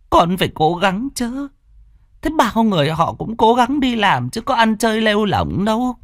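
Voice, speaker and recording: Man voicing an old mother, shrill and tearful. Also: no room sound, studio quality, exaggerated voice. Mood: pleading. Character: old widowed mother, worn down and grieving.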